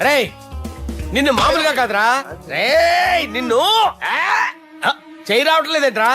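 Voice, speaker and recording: An actor playing a blustering man who brags loudly and grovels when threatened. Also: extremely high pitch, lively intonation, normal speed, faint music behind, heavily acted. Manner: loud, bragging, then grovelling. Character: blustering man who turns pleading coward.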